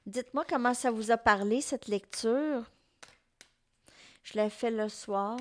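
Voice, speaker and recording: Slow-talking Québécois woman tarot reader. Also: fairly high pitch, slight background noise. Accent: Québécois French. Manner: unhurried, musing, talks to viewers directly. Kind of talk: tarot reading for viewers.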